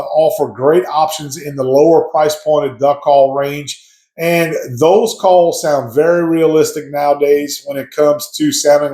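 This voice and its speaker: Echoey, slightly higher-voiced man giving casual advice. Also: warm tone. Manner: conversational, explanatory, addressing viewers as guys. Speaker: hobby duck hunter giving advice to viewers. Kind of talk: casual opinion talk to camera. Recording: echoey, roomy sound.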